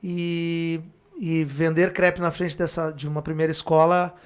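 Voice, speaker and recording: A man with a southern Brazilian accent from Porto Alegre, chatting as a podcast guest, often pausing to rephrase himself. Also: on the high side, flat delivery, clean tone. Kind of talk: casual chat.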